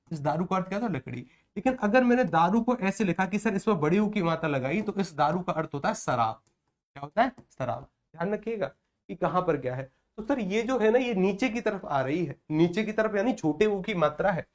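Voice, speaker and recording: A man teaching a language lesson, going through mock test answers and checking in with his listeners again and again. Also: sits high. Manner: repetitive, checks in with listeners often.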